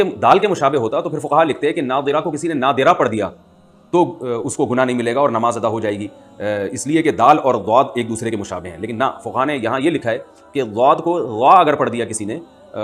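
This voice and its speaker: A man, an Islamic scholar answering listeners' questions in a lecturing manner and reciting Arabic lines slowly. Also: medium pitch. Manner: lecturing, quotes Arabic verse slowly and clearly. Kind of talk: religious Q&A talk.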